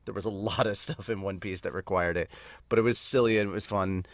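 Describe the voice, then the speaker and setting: Clean studio sound with a dry recording frames this podcast host, an amateur manga dubber, as he chats casually and unscripted with viewers. He speaks fairly quickly in a low, steady voice, rambling and correcting himself along the way.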